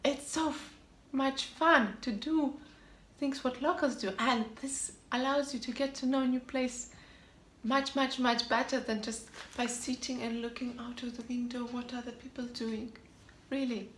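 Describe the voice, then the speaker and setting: This woman hosts a vlog on living abroad, reading scripted tips to camera in a high, somewhat bright voice with a steady, unhurried tone. She stays upbeat and emphatic, repeating brief punchy answers, while faint ambience echoes around the room.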